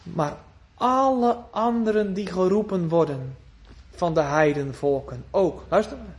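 High-voiced man preaching earnestly. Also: unhurried. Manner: earnest, swinging between emphatic raised lines and hushed tender phrases; uses old biblical phrasing and rhetorical questions. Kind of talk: sermon.

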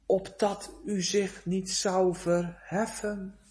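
A man preaching a sermon, moving from quiet, hushed passages to rising, pleading cries. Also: sits high, little pitch movement, slow pace.

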